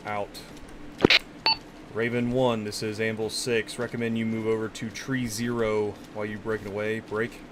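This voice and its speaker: A man giving clipped orders in military radio procedure as the commander in a military simulation game. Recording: very noisy, clicks and vehicle rumble.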